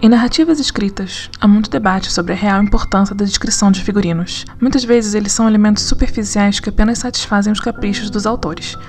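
Woman, scripted essay narration, gravelly edge, soft music behind. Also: medium pitch, fast talker, hardly any pauses. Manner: conversational, analytical, with lively asides. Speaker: narrator and writer.

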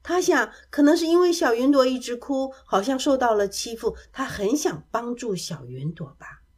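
A woman reads a children's story aloud in a soft, gentle manner. Her voice sits a little high and rises and falls with a very lively, expressive melody. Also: normal speed.

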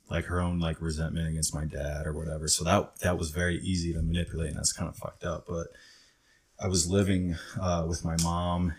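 Low husky-voiced man. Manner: rambling, heavy use of "like" and profanity. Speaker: guest in recovery. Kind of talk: casual storytelling interview.

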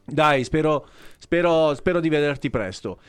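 A man hosting a radio show, teasing his co-host in relaxed chat. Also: a little high, a little slow, smooth, no room sound, faint music behind. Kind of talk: casual chat.

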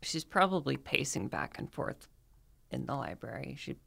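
A man's voice: medium pitch, sing-song, normal speed, gravelly, bright, forceful tone. A man chatting casually as a tabletop player, thinking aloud in a hedging way. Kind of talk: casual tabletop game chat.

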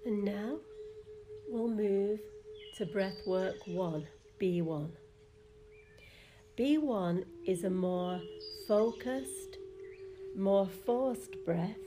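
A woman instructing a guided breathing exercise in a soft, calm, soothing manner, leaving gaps between phrases. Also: medium pitch, extremely slow, pauses often, noisy background.

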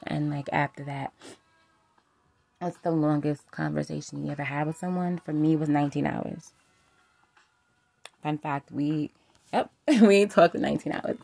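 A woman's voice: low-pitched, creaky, dark tone. A woman hosting a podcast, talking about relationships in a candid, rambling way, swearing freely and filling her talk with "like". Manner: loose and rambling, full of "like" fillers. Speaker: podcast host.

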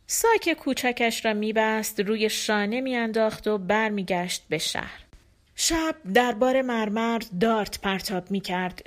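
A woman reading a literary short story aloud as an audiobook narrator, measured, voicing the quoted thoughts softly. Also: medium pitch.

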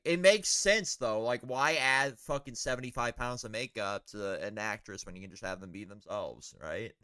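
A man's voice: mid-range voice, sharp tone, no room sound, clean studio sound. A man co-hosting a fan podcast in casual chat, rambling with lots of fillers. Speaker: podcast co-host.

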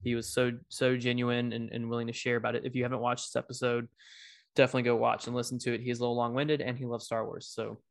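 A podcast host with a gravelly, medium-pitched voice speaks quickly in a level tone. During a casual interview, he asks long, rambling questions and keeps restarting them, though he comes across as warm-hearted.

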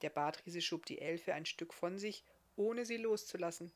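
A woman, the author, reading her fairy-tale novel aloud in a calm, expressive storytelling manner. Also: on the low side, moderate pace.

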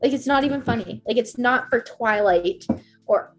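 Chatting casually as a podcast guest, a twenty-something woman rambles on, leaning constantly on "like." She speaks at a normal speed in a fairly high pitch, with faint music behind her.

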